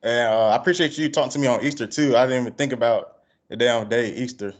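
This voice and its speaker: A man's voice: mid-range voice, fast. A man with a country Georgia Southern accent, interviewing casually in heavy slang. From Georgia, United States. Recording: dull, lo-fi call audio.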